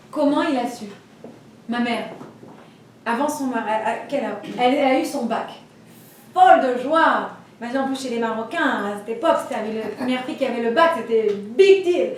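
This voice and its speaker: A woman teaching a religious class, telling stories in a lively way and acting out the voices of the people in them. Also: a little high, normal speed, pauses often, slight background noise. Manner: lively storytelling, acts out voices. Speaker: Torah teacher. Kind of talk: storytelling class. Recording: echoey room, voice from far off.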